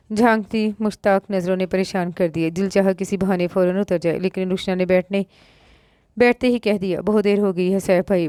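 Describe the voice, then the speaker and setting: A woman with a Pakistani Urdu accent reading a romance novel aloud, voicing every part in the same even voice. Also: mid-range voice, dry recording, clean studio sound. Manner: reads all parts in one even voice, lifting slightly for quoted lines. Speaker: novel narrator.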